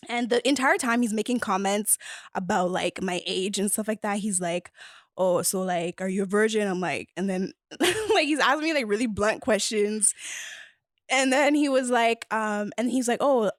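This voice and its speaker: A woman in her twenties, a podcast guest telling a dating story in a casual, animated way, laughing often and quoting people. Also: mid-range voice, moderate pace, no room sound, studio quality.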